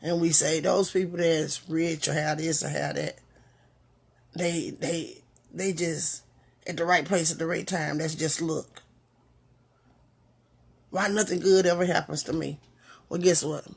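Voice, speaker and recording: In a low, slightly rough voice with vocal fry and fairly even intonation, the host of her own talk gives a reflective motivational monologue. She speaks unhurriedly with pauses, posing rhetorical question after rhetorical question to the listener.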